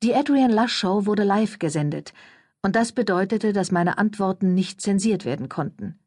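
A woman's voice: medium pitch, animated, moderate pace, warm tone, no echo. Woman narrating an audiobook, dry sound. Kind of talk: first-person audiobook narration.

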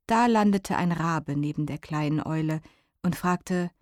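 A woman narrating a children's storybook in a gentle, expressive reading. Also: sits low, unhurried, no room sound, clean studio sound.

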